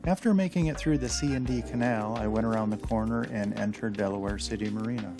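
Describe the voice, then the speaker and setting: A sailing channel host with a lowish voice talks fast over music as he narrates his vlog from a house full of dogs. He's chatty and rambling, full of fillers and self-deprecating asides.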